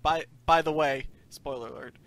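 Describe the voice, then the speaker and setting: Guy hosting a casual podcast, kinda high voice, chatty and running through announcements. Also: fairly even intonation, moderate pace, fairly bright tone. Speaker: podcast host.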